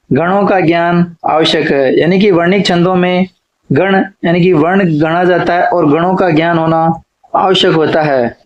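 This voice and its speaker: A man with a high voice lectures at an unhurried, deliberate pace, giving each rule twice as if dictating to students preparing for an exam. The recording is dull and lo-fi. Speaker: Hindi literature teacher.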